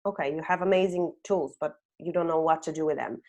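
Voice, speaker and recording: The highs are cut off in this recording of a woman speaking fairly quickly in a low, darkish voice. She's a Bulgarian-born HR consultant in her thirties, hosting a slide webinar and regularly dropping in "um" and "okay?".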